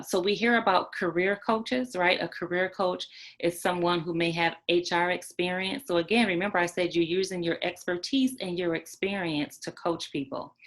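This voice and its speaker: A woman giving an online training on life coaching, emphatic, repeating key points and checking in with "right?" and "okay?". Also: on the low side.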